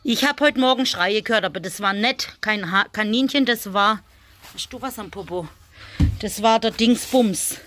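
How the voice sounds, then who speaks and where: A woman's voice: medium pitch, moderate pace, a bit bright, a little hiss or hum. Lady vlogging, chatty, talks to her bunnies, mutters under her breath sometimes, mid voice. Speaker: family vlogger. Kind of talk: casual vlog chat while looking after rabbits.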